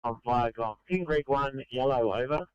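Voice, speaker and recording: A man's voice: mid-range voice, normal speed, clear, resonant tone, dry recording. A man in a fire crew giving brief status reports over a walkie-talkie. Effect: over walkie-talkie radio. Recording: slightly muffled two-way radio.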